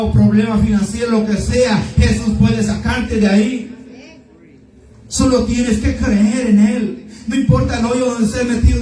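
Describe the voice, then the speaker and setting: A man's voice: very high voice, dark tone. A man preaching a sermon with fervent, repetitive exhortation. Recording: echoey room, distant mic, faint music.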